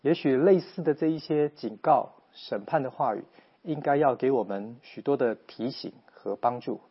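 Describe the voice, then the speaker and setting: A man giving an earnest, measured Bible teaching talk with rhetorical questions, on a slightly dull, lo-fi recording. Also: medium pitch, husky. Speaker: preacher.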